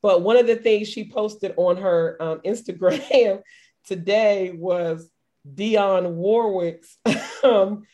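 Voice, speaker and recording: A woman in her forties chats casually as a podcast co-host. She tells her story with animated energy and laughs often. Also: medium pitch, slow. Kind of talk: casual chat.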